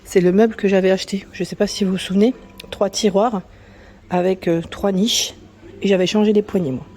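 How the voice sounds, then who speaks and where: A woman's voice: mid-range voice, steady tone, a little fast, a little mellow. A woman vlogging as she walks through a large furniture store, chatting casually and reading out prices and sizes with lots of tag-on fillers. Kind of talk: casual walkthrough chat.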